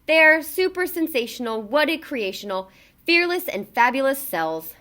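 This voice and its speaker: Unhurried and fairly high-voiced, a woman reads aloud from a children's book. Her narration targets young listeners, with widely swinging intonation and expressive, emphatic stress on words.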